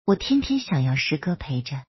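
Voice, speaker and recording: A woman voicing a playful, teasing young male student in a read-aloud story. She speaks softly, with a husky tone. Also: sits low, very animated, moderate pace, no room sound, highs cut off, exaggerated voice.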